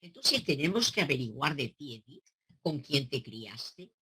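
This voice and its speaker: A woman's voice: very deep voice, very animated, measured pace, pushed and bright, breathy edge. A woman psychoanalyst explaining to a caller, teaching through examples and rhetorical questions. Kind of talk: explaining to a caller on a talk show.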